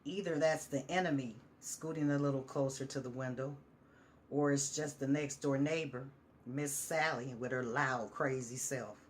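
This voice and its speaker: A woman's voice: very deep voice, normal speed, a little hiss or hum. A woman voicing a guilt-ridden, paranoid male veteran who drinks, talking in a raised, agitated, rambling way.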